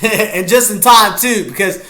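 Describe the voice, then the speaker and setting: Reacting live to a football game, this male streamer keeps up a chatty, goofy conversation with viewers. He talks at a measured pace in a high voice that sounds pushed and bright.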